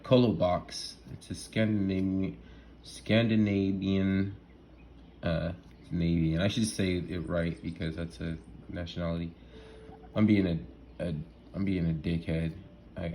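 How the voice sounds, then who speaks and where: A man talking through an idea in a rambling, excitable monologue, full of restarts and asides, laughing at himself now and then. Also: low voice, a little hiss or hum. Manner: rambling, restarts often, lots of fillers and "right?". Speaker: solo vlogger.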